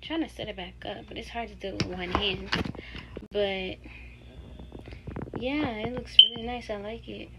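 A young woman chatting casually in a home vlog, relaxed and rambling with fillers, filmed on a phone held at arm's length. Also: medium pitch, normal speed, long pauses, heavy background noise. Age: young adult. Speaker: vlogger. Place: home, kitchen and bedroom indoors.

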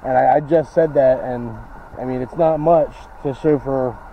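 A man's voice: medium pitch, moderate pace, narrow, tinny audio. A young man chatting casually as a treasure hunter on a vlog. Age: young adult. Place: outdoors, on lawn and river water. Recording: noisy outdoor handheld camera audio.

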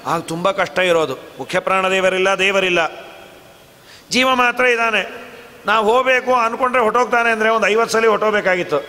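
A man gives a devotional discourse, asking lively rhetorical questions and slowly chanting verses. His voice sits high for a man and sounds bright and sharp. A long hall reverb trails behind his words. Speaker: religious discourse speaker.

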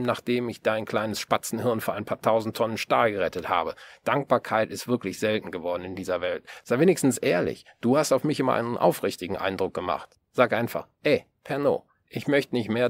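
A man voicing a gruff old drunken vagrant who stammers and repeats himself in an audiobook. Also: fairly low pitch, lightly acted. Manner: agitated, shouting, stammering repeats. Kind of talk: audiobook dialogue.

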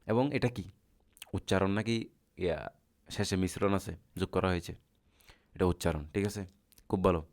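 A man, teaching Arabic grammar. He keeps asking his students questions, then answers them himself, and goes over each point again patiently. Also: deep voice. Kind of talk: classroom lecture.

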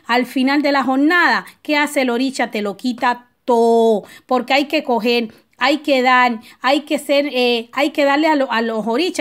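A woman giving casual, preachy spiritual advice, full of tag questions and personal asides that wander off and circle back. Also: high voice. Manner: digressive, with restarts and personal anecdotes. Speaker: spiritual advisor teaching a ritual. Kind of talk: casual spoken advice talk.

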